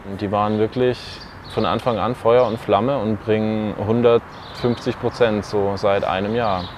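Male youth worker, low-ish voice, measured and thoughtful, light outdoor noise. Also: steady tone. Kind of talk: documentary interview.

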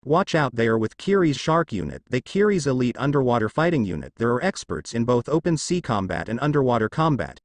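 A decisive female ninja leader giving quick orders, as a male narrator puts her on. The voice is only a little raised and lively in pitch. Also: dry recording. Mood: urgent. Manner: urgent, decisive.

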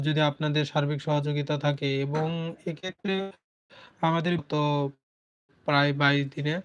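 A man teaching Quran reading on a live stream, patient, repeating examples slowly with many filler sounds. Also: on the high side, slight background noise.

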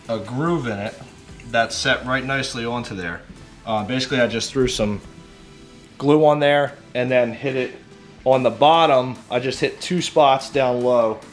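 Working in a kitchen under renovation, a low-key DIY vlogger in his thirties hosts a casual video, walking through each step for a handheld camera at arm's length. His pitch is middling, with music behind him.

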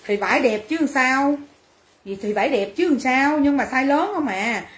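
A woman's voice: high voice, expressive, normal speed, fairly bright tone, reverberant. A woman selling clothes on a livestream, brash and teasing as she banters with viewers. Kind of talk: livestream sales chat.

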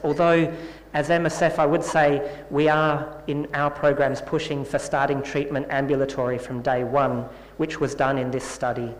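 A man giving a scientific conference talk and answering questions in a measured, explanatory way. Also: a little high. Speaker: conference presenter. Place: conference hall. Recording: echoey conference hall with long reverb.

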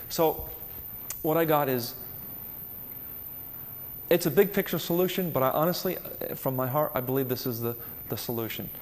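A man's voice: fairly high pitch, darkish tone, big-room sound, slight background noise. A man giving a spiritual lecture to a live audience, earnest and conversational, often putting questions to his listeners.

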